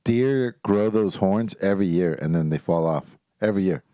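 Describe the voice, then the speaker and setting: A man's voice: sits low, normal speed, warm tone, no echo, clean studio sound. A man co-hosting a podcast, joking and teasing in casual banter. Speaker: podcast co-host.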